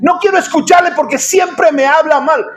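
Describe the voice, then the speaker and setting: Un predicador que pone voz a un rey antiguo soberbio y resentido, de voz muy aguda y quejosa. Habla con indignación, alzando la voz, con un leve fondo musical. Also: male voice, extremely high pitch, moderate pace, faint music behind, pitched above the performer's own voice. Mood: resentful. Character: proud resentful king of old.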